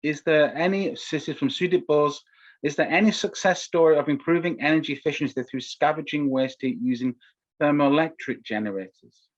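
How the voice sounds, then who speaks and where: A man with a fairly high voice talks fairly quickly while moderating an online Q&A for a workshop he chairs. He's polite and hesitant, often restarting phrases. The video call audio sounds dull and lo-fi.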